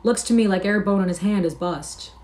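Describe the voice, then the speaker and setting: A woman voicing a gruff, authoritative ranch man with blunt, coarse rustic speech, in an audiobook reading. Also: medium pitch, fast, darkish tone, close to an everyday voice. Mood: firm. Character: gruff, authoritative, plain-spoken male ranch hand.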